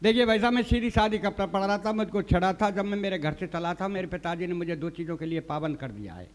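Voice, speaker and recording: A man's voice: high voice, fast talker, long reverb tail. A man reciting comic poetry and funny stories on stage, acting out the dialogue and addressing the audience. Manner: storytelling with quoted dialogue, addressing the audience as sahab. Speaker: comic poet. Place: stage of a live poets' gathering.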